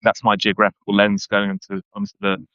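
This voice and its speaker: A man talks in a low, unhurried register, reflecting aloud and circling back with ums and restarts. The audio sounds dull and dry, as if recorded close in a small, muffled space. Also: monotone, sharp tone, clean tone, no room sound. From London, England. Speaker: guest, running writer. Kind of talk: casual interview conversation.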